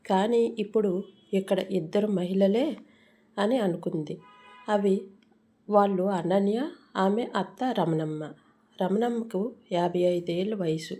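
Mellow-voiced woman narrating a suspense story. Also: medium pitch.

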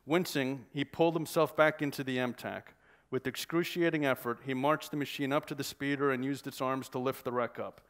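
Man, author, reading from a novel, measured, steady. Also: medium pitch.

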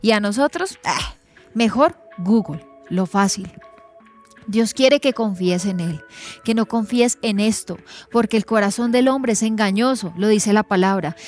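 A woman's voice: mid-range voice, moderate pace, soft background music. A woman in her thirties with a Colombian accent, preaching earnestly from a church stage and acting out quotes. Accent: Colombian Spanish. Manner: earnest, with lively acted-out quotes. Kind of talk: sermon.

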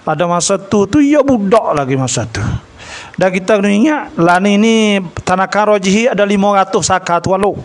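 A man with a Kelantan Malay accent giving a religious talk, telling a story with acted-out dialogue and frequent throat clearing. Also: high-pitched, moderate pace. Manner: animated storyteller, acts out dialogue. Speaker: religious lecturer.

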